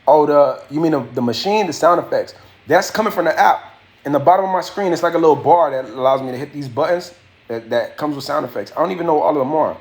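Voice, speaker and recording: On a casual live stream, a young man from a Haitian family talks quickly in a fairly high voice, using slang with viewers and reacting to their comments. As a rapper, he delivers his verse raised and rhythmic.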